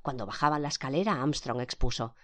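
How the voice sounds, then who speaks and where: A narrator reading a mystery novel aloud as scripted audiobook narration, giving the quoted characters their own voices. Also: fairly quick. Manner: acts each character's quoted lines with pitch and loudness shifts.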